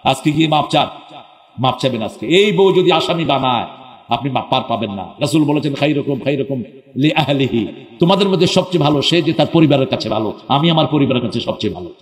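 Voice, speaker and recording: A man's voice: mid-range voice, expressive, fast talker. Fiery male preacher in an echoey hall. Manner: fiery, asks the crowd questions and answers them; breaks into chanted, sung phrases. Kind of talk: Islamic sermon at a public gathering. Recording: echoey hall with long reverb.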